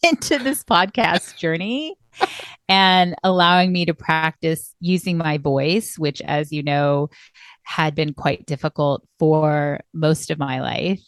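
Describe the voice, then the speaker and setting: A woman's voice: low-pitched, slow pace, dry recording, studio quality. Earnest woman podcast co-host. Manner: earnest, reflective, often checks in with "right?". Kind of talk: casual motivational chat. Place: recording remotely, apart from her co-host.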